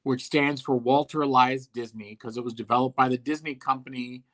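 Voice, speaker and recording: A man's voice: medium pitch, fairly even intonation, a little fast, a bit bright. A man being interviewed about his sculpting work, speaking bluntly and offhandedly, with dry humor and casual swearing. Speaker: guest, monster sculptor.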